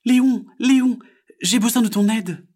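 A man's voice: extremely high pitch, unhurried, darkish tone, voice pushed up. A man doing a tiny, eager little girl frog. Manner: eager, pleading. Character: small hopeful female tree frog.

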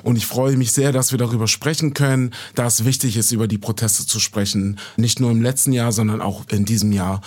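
A man hosts a podcast interview. He introduces his guests and asks questions in a friendly, measured way, with a voice at a middle pitch. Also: steady tone, darkish tone. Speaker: podcast host.

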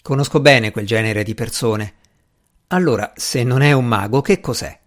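A man's voice: medium pitch, normal speed, close to an everyday voice. A man voicing a proud young magician in an audiobook, with a dry, scornful way of talking. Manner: dry, sardonic.

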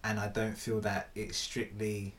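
A man's voice: fairly low pitch, completely flat delivery, a little slow, fairly bright tone. A man in a casual philosophical chat, thinking aloud with hesitant restarts.

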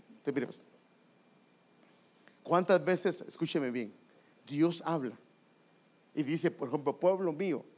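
A man's voice: on the high side, darkish tone. A man preaching a sermon, emphatic and repetitive, often asking the congregation questions.

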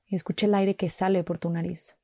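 A woman slowly guiding a mindfulness walk with calm, gentle instructions and long pauses. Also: lowish voice, no room sound, clean studio sound. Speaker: meditation guide.

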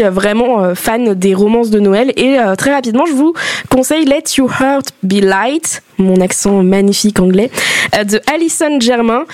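A woman's voice: mid-range voice, a little mellow, no room sound. A woman co-hosting a book show, chatting casually and recommending novels with plenty of fillers. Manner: chatty, many fillers, enthusiastic about romances.

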